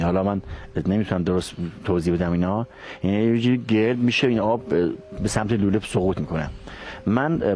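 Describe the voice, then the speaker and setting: Interview guest, male, lower pitch, halting delivery full of fillers. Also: darkish tone. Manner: hesitant, many filler sounds. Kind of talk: recounting a near-death experience.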